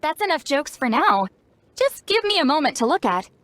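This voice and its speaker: An actress voices a cocky, blunt young female shaman in an animated video game, explaining things in a self-assured, brusque way while sounding wary and pondering. Her high, fairly bright voice swings widely in pitch at a moderate pace, with no room sound.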